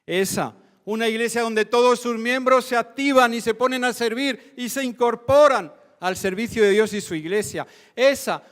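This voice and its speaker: Spanish pastor guy preaching, fairly high voice, lots of reverb in the church hall. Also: fairly bright tone. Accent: Spain Spanish. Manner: fervent preaching with rising emphatic lists. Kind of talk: sermon.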